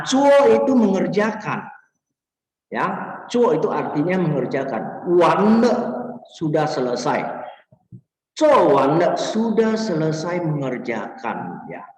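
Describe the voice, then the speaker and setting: A man teaching a vocabulary lesson in a patient, step-by-step way, his pitch rising and falling a lot. He speaks slowly and is a little distant from the mic. The room adds a long, hollow reverb. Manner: slow, explanatory, frequent "ya" tags. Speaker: Mandarin teacher. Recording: echoey room, voice a bit distant.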